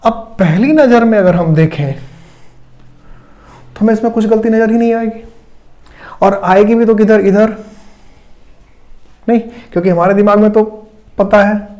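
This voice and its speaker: High-voiced Indian grammar teacher, mellow tone. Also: male voice. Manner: explains step by step, asks and answers his own questions. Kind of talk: classroom lecture.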